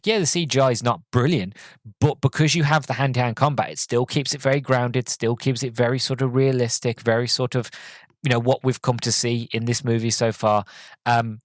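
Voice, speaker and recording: On his solo podcast, a man with a mid-range voice recaps a film, recorded with no echo. He rambles loosely, full of fillers and restarts, with sudden bursts of excitement.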